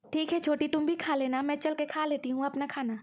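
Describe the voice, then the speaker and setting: A woman's voice: sits high, fairly even intonation, a little fast, background noise, lightly acted. A woman voicing a complaining aging woman who pretends to be forgetful in a cartoon. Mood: indignant. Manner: complaining, whiny. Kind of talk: cartoon voice acting.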